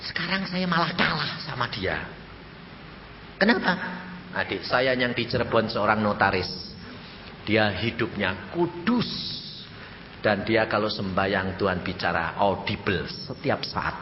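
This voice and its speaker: A man preaching a sermon as a pastor, animated storytelling with sudden jumps up in pitch when he acts out dialogue. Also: measured pace, echoey room, big-room sound, highs cut off, a little hiss or hum.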